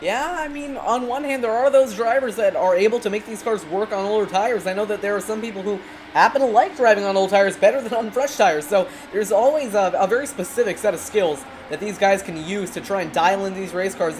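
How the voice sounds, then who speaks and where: A man's voice: high voice, a little hiss or hum. A man commentating a sim race, rambling into jokes between race updates.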